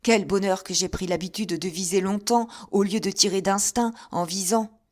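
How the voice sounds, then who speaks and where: A woman's voice: mid-range voice, steady tone, moderate pace, darkish tone, lightly acted. A woman voicing a bold, commanding middle-aged musketeer captain in an audiobook reading. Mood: urgent. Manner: urgent, commanding.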